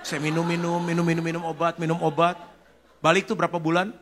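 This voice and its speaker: Bright-voiced pastor telling comic stories. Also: male voice, a little high, little pitch movement, fast, slight background noise. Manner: comic storytelling, acts out dialogue. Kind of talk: humorous testimony sermon.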